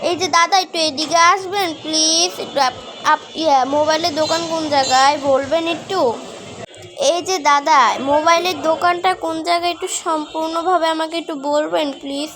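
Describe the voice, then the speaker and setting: A woman's voice: very high-pitched, steady tone, brisk, background noise. A woman acting in a home-made comedy skit as a fussy, complaining customer who repeats her words. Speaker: vlogger acting a shopping skit.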